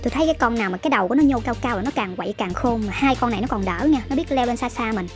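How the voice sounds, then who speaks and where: Woman, vlog voice-over, very fast, teasing, slightly high, music underneath. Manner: chatty, teasing, rapid storytelling. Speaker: vlog narrator. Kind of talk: voice-over narration. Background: background music.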